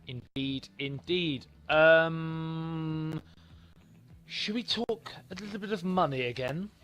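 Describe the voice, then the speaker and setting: Speaking slowly in a fairly high voice, a male esports commentator calls the play-by-play of a football video game tournament from a studio, staying lively and raising his voice on big plays. The audio quality is poor.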